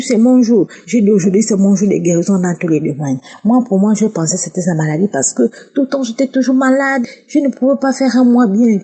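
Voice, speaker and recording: A woman's voice: medium pitch, mellow, husky. A woman giving a fervent personal religious testimony, often repeating words in chains. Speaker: testifying listener.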